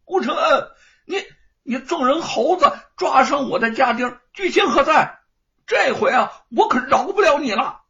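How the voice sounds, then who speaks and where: A man voicing an arrogant young rich master who sneers and shouts orders in a high, shrill voice. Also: lively intonation, normal speed, creaky, full character voice. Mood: sneering shouting. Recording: dull lo-fi recording.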